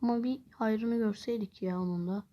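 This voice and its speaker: A woman's voice: fairly high pitch, steady tone, moderate pace, mellow, slight background noise. A woman chatting through a mobile game, commenting casually and crying out when things go wrong. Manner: chatty, exclaims and groans at the game. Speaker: gameplay vlogger. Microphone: phone.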